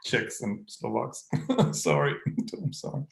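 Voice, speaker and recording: A man with a low, gravelly voice hosts a relaxed live-stream chat. He reads out viewer comments and greets people by name, chuckling often. The sound carries a noticeable room echo. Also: normal speed. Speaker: host of a live online Q&A.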